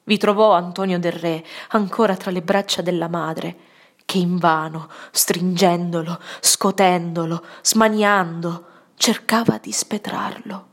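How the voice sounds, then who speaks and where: A woman narrating a literary audiobook in a solemn, dramatic way, often sinking to a hushed whisper. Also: on the low side, steady tone, measured pace.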